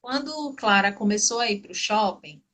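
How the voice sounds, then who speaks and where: A woman in her thirties with a Brazilian Portuguese accent, hosting a live video chat in a quick, chatty way. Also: medium pitch, animated, a bit bright. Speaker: live show host.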